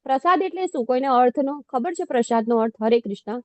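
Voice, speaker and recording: A woman with a high, bright-pitched voice leads a devotional class, chatty and self-deprecating. She keeps turning to her listeners with questions. The sound is close and dry, with no room echo. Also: animated, fast. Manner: conversational, self-deprecating, asks the audience questions. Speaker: devotee giving a scripture class.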